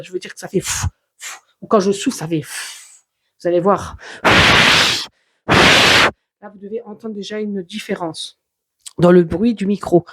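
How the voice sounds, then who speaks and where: Casual home vlogger, mid-pitched, rambling and filler-heavy, recorded on a clip-on phone mic while moving around the house. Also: a little mellow, slight background noise. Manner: rambling, chatty, with frequent fillers and restarts. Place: home, moving between office and sewing room. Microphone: clip-on lapel mic plugged into a phone.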